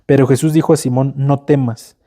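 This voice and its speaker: Mexican preacher man, very dark voice. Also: medium pitch, fairly even intonation, fairly quick. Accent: Mexican Spanish. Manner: conversational preaching, tag questions, casual slang. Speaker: pastor. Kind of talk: sermon.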